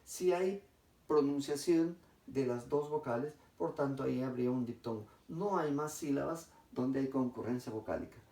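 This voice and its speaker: A man's voice: medium pitch, gravelly, mellow. Methodical man teaching in an echoey room. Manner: methodical, addresses class, dictates slowly syllable by syllable. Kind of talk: grammar lesson. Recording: echoey room, distant mic.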